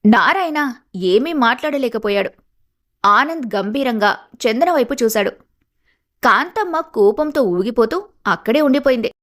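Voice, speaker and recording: A woman's voice: fairly high pitch, fairly bright tone. A woman narrating a scripted cartoon story in a dramatic storytelling manner.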